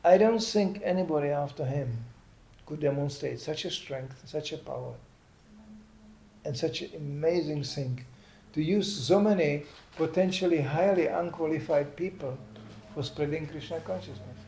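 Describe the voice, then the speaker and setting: An older man preaching in a lively storytelling manner, often adding "you know". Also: fairly high pitch, moderate pace. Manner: lively anecdotal telling with "you know" asides. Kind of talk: storytelling sermon. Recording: echoey room, faint background noise.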